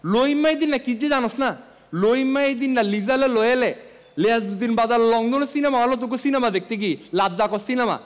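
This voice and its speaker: Stand-up comic's excitable male friend, thick Chittagong accent, loud rambling, very high pitch, echoing stage. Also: fairly quick. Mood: excited rambling. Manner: loud, rambling, incomprehensible dialect chatter. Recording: reverberant stage hall, loud audience noise.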